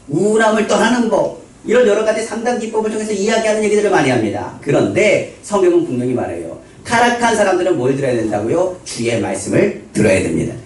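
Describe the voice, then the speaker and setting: Man, pastor preaching a sermon, fast talker, echoey hall, distant mic, faint room noise. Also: high-pitched, a little mellow. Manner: asks the congregation questions and answers them himself.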